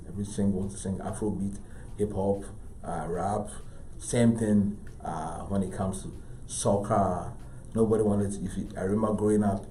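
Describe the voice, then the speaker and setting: A middle-aged man from Ghana with a Ghanaian English accent, an artist telling anecdotes in an interview with animated delivery. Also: fairly low pitch, a little hiss or hum. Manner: animated, acts out voices in his story. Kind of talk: anecdotal storytelling. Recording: roomy echo.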